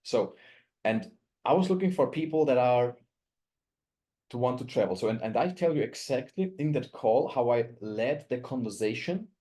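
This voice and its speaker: A man's voice: medium pitch, expressive, normal speed, warm tone. A man from Austria leading a network marketing coaching call, chatty and full of restarts, acting out quoted dialogue. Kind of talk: coaching talk in a group call.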